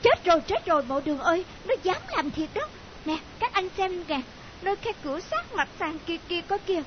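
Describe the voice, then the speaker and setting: A man voicing a frantic young woman friend in a squealing falsetto, in a dull lo-fi audiobook recording. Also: sing-song, normal speed, slight background noise. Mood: panicked. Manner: squealing falsetto, panicked cries.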